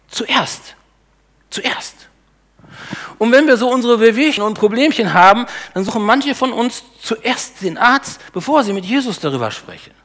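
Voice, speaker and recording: A man with a high voice delivers a sermon from the pulpit. He asks the congregation rhetorical questions and drops into low, muttered asides between his emphatic lines. His high register carries his strongest points. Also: a bit bright. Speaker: preacher.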